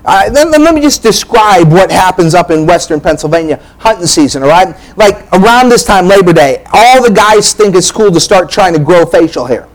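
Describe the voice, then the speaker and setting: A man preaching a sermon as pastor, energetic and playful, teasing the congregation and checking in with "all right?". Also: sits high, moderate pace, few pauses, low-quality recording. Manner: energetic, joking preacher who keeps asking "all right?".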